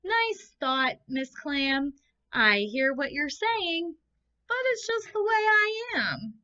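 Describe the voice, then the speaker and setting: A woman's voice: sits high, big pitch swings, slow pace, bright, forceful tone, lo-fi sound, voice pushed up, full character voice. A woman voicing a gloomy, sulky male fish, chanting his lines in a sing-song rhyme. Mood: resigned.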